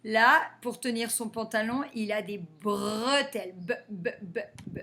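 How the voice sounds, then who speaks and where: A woman teaching a phonics lesson to young children, sounding out letters and syllables slowly and carefully. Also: on the high side, bright, forceful tone, slight background noise.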